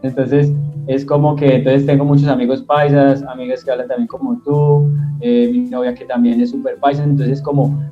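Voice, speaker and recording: A man's voice: mid-range voice, muffled recording, music in the background. A young man with a Tolima Colombian accent, a comedian speaking reflectively in a casual interview. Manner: reflective, self-deprecating, fills pauses with "eh". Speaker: comedian guest. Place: at home.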